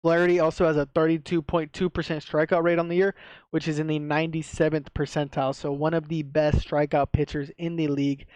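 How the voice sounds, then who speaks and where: Man with slight retainer lisp, fairly high voice. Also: flat delivery, fairly quick, darkish tone, clean tone, no room sound, poor audio. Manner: slangy, swearing, repeats himself for emphasis. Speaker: sports betting tipster, video host. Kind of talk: casual sports betting commentary to viewers.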